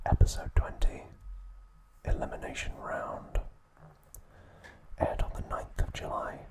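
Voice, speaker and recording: In a soothing, measured manner, a male ASMR channel host delivers scripted narration entirely in an unvoiced, breathy whisper.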